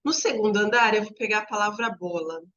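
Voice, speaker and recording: Woman teaching teachers, goes through example words slowly one by one, kinda muffled lo-fi audio. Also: medium pitch, fairly bright tone. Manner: talks viewers through examples, drawing out sample words slowly. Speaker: teacher trainer. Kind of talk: explanatory lesson for teachers.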